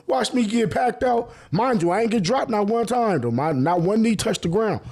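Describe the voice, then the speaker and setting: Husky high-voiced man telling street stories. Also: moderate pace. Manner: animated, profane street slang, laughs often. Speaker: podcast host. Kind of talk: casual storytelling.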